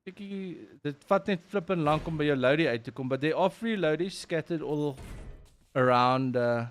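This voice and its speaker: A man's voice: on the high side, moderate pace. South African man doing casual gaming commentary. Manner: informal, slangy. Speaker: livestream host and game commentator.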